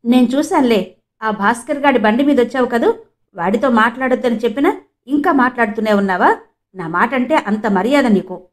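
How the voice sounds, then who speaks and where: A woman voicing an angry, controlling young man who scolds loudly in an audiobook. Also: on the high side, animated, fairly quick, lightly acted. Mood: scolding. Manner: shouting, scolding.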